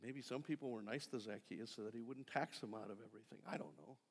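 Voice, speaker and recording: A man's voice: medium pitch, quick pace, vocal fry, husky. A middle-aged man preaching a conversational sermon from a church stage, asking rhetorical questions and slipping in small jokes. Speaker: pastor. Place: church stage, large sanctuary. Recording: long hall reverb in a sanctuary.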